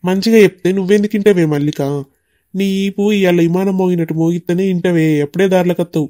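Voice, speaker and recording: A man playing a quick-tempered husband in a cartoon comedy, barking threats in a Telangana Telugu accent. His voice sits high and rushed, with a mellow, dark tone. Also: fairly even intonation, natural voice. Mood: furious. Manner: scolding, shouting threats. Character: angry young husband, hot-tempered and bossy. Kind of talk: cartoon voice acting.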